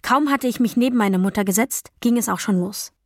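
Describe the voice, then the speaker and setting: A woman reading a first-person novel as an audiobook, in a calm, even storytelling voice with quiet dialogue voices. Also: on the high side, a little fast, no echo, studio quality. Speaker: audiobook narrator. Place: dry recording booth. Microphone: close studio mic.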